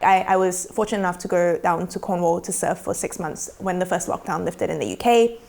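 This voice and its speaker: A woman, speaking softly and thoughtfully in a reflective documentary interview. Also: fairly low pitch, gravelly. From Australia. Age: 20s. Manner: soft-spoken and thoughtful, slowing down on feelings. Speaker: documentary subject. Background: faint background music.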